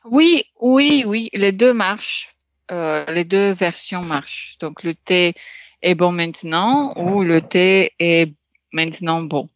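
A woman gives a casual lesson, unhurried and patient, pausing often to find her words. Her voice sits a little low and comes through dry and slightly muffled, like an online call. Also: no room sound. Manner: patient, explains slowly with many fillers. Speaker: language exchange tutor. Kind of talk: casual tutoring over a call.

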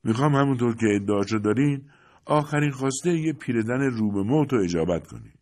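A man's voice: medium pitch, expressive, darkish tone, voice pushed up, close to an everyday voice. A man voicing a frail, bitter old woman on her deathbed, whispering urgent pleas in a storybook reading. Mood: pleading.

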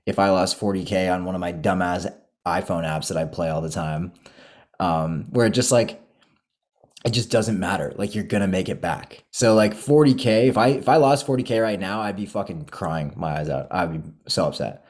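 Laid-back young guy, lower voice. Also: normal speed, darkish tone. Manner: laid-back, swears a lot, fills talk with "like". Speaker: podcast host. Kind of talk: casual chat.

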